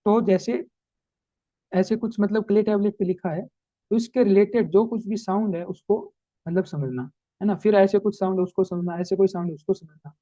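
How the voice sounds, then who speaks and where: A man giving a history lesson as a teacher, explaining in Hindi mixed with English terms and reading English points slowly. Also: high-pitched, steady tone, mellow, no room sound, highs cut off. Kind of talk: recorded class lecture.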